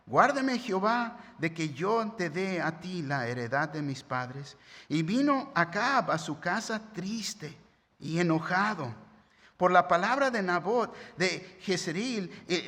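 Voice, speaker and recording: A man's voice: sits high, a bit bright. A man, preaching a sermon as pastor in a conversational way, often asking "right?". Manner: conversational preaching with tag questions. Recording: long hall reverb.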